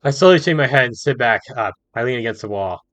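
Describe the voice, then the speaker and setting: A man reading a visual novel aloud as a gaming YouTuber, with casual, quick reactions and asides. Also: medium pitch, lively intonation, a bit bright, no room sound.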